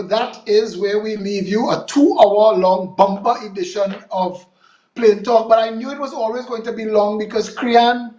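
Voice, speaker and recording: A man's voice: high-pitched, a little mellow. Impassioned Trinidadian male talk show host. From Trinidad and Tobago. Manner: impassioned, preacherly sign-off. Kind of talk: online political talk show. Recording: dull, roomy lo-fi stream audio.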